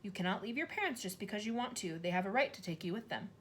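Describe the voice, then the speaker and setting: Soft-spoken kind teacher, gentle and quiet , as a woman reads her. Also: mid-range voice, animated, fast, a little hiss or hum, close to an everyday voice.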